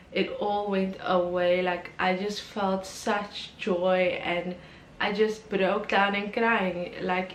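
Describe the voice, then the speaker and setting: South african woman telling her story to camera, lots of ums and likes, echoey room. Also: mid-range voice. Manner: candid and emotional, with frequent ums and likes. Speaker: YouTuber. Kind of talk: personal storytelling vlog. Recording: roomy echo with faint background noise.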